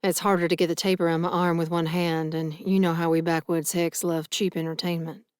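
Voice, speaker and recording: An easygoing man with a deep, dry sense of humor, read by a woman narrator. He teases lightly and sounds relaxed in a storybook romance. The voice sits low and close, with no room sound. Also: brisk, clear, resonant tone, no room sound, lightly acted. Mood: wry.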